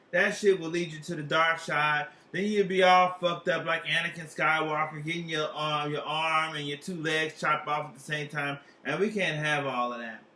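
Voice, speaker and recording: A man with a bright, high-pitched voice plays host on a comic psychic advice line. He rambles casually in slang and swears freely. The sound is roomy and a little distant from the microphone. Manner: profane, slangy, rambling, repeats tag questions. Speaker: comedic tarot advice hotline host. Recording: roomy echo, distant from mic.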